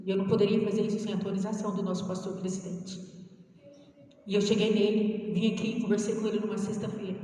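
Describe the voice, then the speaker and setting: A woman's voice: medium pitch, level tone, quick pace, warm tone. A Brazilian woman missionary preaching a Pentecostal sermon with an impassioned, chanting, rising cadence. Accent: Brazilian Portuguese. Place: large church hall. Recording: echoey church hall from far off.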